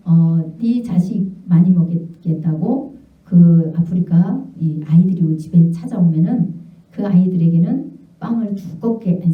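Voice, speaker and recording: A woman's voice: lowish voice, natural voice. A woman pastor voicing God as a stern, loving father who rebukes firmly in a sermon. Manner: firm, solemn rebuke. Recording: echoey hall, distant mic, dull sound.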